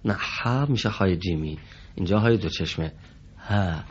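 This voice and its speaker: A man's voice: sits low, husky, lo-fi sound. A man teaching a Quran reading class, patient and formally polite, saying letter sounds for his students to repeat. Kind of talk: classroom instruction.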